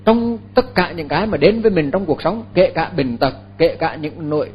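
An older Buddhist monk, giving a dharma talk. His voice sits fairly high for a man, and he speaks slowly, pausing and repeating words as he goes. A faint hum lies beneath his voice. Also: muffled recording. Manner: unhurried, halting, with many fillers and repeated words.

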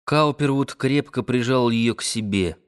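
Narrating an audiobook of a classic novel, this man keeps his storytelling steady and measured. His voice sits at medium pitch and has a clean tone.

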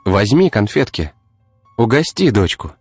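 A man voicing a brash young man who talks in a brisk, teasing way. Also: medium pitch, lively intonation, no room sound, soft background music, voice pushed up, lightly acted. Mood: syrupy. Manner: brisk, teasing, sometimes syrupy.

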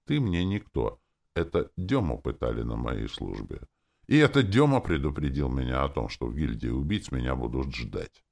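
A detached, condescending young mage, as the reader puts him on speaks with cool indifference. The voice is extremely low and gravelly, yet moves with lively pitch. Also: male voice, normal speed, full character voice. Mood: cold. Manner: cold and condescending. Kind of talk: audiobook character voice.

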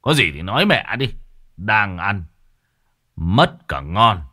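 A man doing a gruff irritable village chief. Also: on the low side, sing-song, slow, bright, forceful tone, exaggerated voice. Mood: irritable scolding. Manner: gruff, irritable, blunt scolding.

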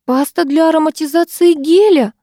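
A woman voicing a panicky, weepy middle-aged nanny in an audiobook, with shrill wailing exclamations. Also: expressive, moderate pace, dark tone, dry recording, clean studio sound. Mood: tearful. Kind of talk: audiobook character voice.

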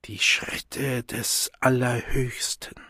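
A man doing a slow, unearthly ceremonial voice. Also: mid-range voice, flat delivery, mellow, husky, dry recording, clean studio sound. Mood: whispering. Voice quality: slow, drawn-out and swelling from whisper to trumpeting. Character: mysterious unearthly voice of a ceremony, solemn, hypnotic. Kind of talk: audiobook reading.

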